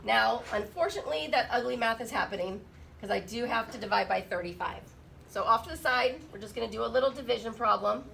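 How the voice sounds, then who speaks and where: Woman teacher, sick, gravelly voice, faint noise, classroom lesson. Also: a little high, fairly bright tone, poor audio. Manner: asks the class questions, jokes and laughs. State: sick, rough voice. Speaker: math teacher.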